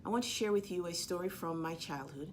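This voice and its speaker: A Jamaican woman with a notably low voice shares a childhood story in an earnest, measured way. She pauses now and then on small fillers. A faint hiss sits under her voice. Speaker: sport leadership speaker. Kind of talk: personal storytelling talk.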